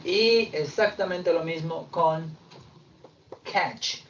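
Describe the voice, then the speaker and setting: A man teaching an online English class, slowly explaining and repeating verb forms. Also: a little high, a bit bright. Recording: distant, dull lo-fi audio with faint noise.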